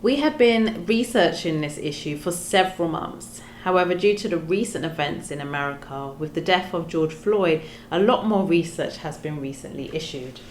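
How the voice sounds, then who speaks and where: A woman from hosts a podcast discussion. She talks in a measured, earnest way and stumbles into small restarts, in a roomy, echoing room. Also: sits low, expressive, slight background noise. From London, England. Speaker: podcast host. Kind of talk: podcast discussion, partly read from research notes. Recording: roomy echo.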